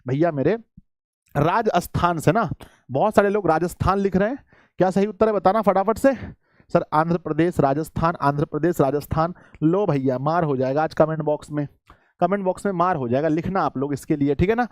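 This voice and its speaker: A man teaches a live online exam-prep class, urging his students along and repeating key answers. His voice sits fairly high for a man. The sound is close and dry, with no room around it. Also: fairly quick, no echo. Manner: coaxing, repetitive, addresses students as children.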